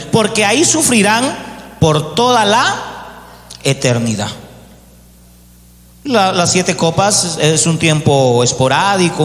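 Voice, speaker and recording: A man's voice: sits high, fairly bright tone. Preaching man in an echoey church. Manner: preaching with rising emphasis, acting out doubters. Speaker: pastor. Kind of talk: sermon.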